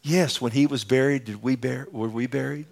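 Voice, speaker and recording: A pastor preaching a sermon at a pulpit microphone in a church, emphatic, putting questions to the congregation. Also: male voice, medium pitch, fairly even intonation, normal speed, vocal fry, darkish tone.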